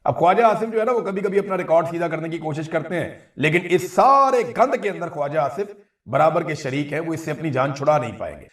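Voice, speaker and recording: A man with a fairly high voice delivers political commentary straight to his viewers, pressing each point and circling back to repeat it. He sounds a little off-mic, with a roomy echo around his words. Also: lively intonation, a little fast, fairly bright tone, far from the mic. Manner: emphatic, insistent, repeats key phrases.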